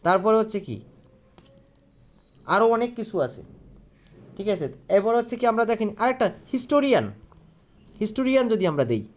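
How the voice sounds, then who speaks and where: A man's voice: sits high, big pitch swings, brisk, pauses often. A man teaching an online grammar lesson. He asks questions, answers them himself and repeats key words.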